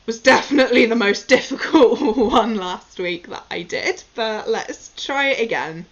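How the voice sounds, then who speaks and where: A woman's voice: a little high, a bit bright. A woman talking casually and informally to a recording as she works through articulation exercises, commenting on her own attempts. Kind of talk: casual self-recorded practice commentary with tongue twisters. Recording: dull, lo-fi sound.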